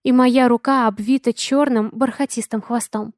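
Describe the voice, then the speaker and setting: A woman narrating a first-person audiobook in an expressive, dramatic way. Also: on the high side, normal speed, dry recording, clean studio sound.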